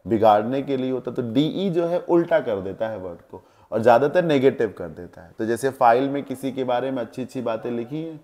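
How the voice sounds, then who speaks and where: A man's voice: mid-range voice, dark tone. A male teacher explaining English word meanings in a classroom lesson, checking in with the class as he goes. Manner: explains word meanings with Hindi glosses, asks checking questions.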